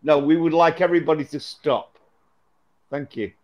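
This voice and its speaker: A man's voice: a little high, normal speed, highs cut off. A man in an online voice chat who keeps interrupting and insistently asks everyone to stop talking. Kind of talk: casual chat.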